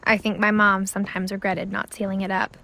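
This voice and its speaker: In first-person game narration, a young woman plays a thoughtful teenage girl remembering her family with quiet wistfulness. Her mid-range voice has little pitch movement, and she speaks briskly in a bright, forceful tone.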